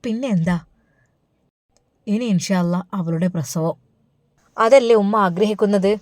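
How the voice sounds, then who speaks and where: A woman voicing a grown son who calmly reassures his mother, in storybook dialogue. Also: mid-range voice, unhurried, no echo, lightly acted. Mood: reassuring.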